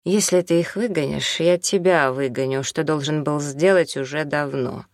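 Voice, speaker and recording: A woman voicing a calm, firm young man who speaks quietly and slowly. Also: low-pitched, dry recording, studio quality.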